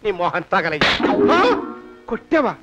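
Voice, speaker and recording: A man voicing a stingy middle-aged moneylender who grumbles and haggles gruffly. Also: high-pitched, very animated, normal speed, dull audio, over loud music, voice pushed down. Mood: grumbling.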